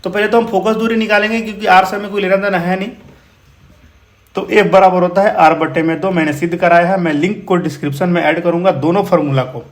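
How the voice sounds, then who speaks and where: Brisk encouraging man teaching physics. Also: high voice, steady tone. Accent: Bihar. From India. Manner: informal, encouraging, calls students "my brother". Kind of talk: explaining exam problems.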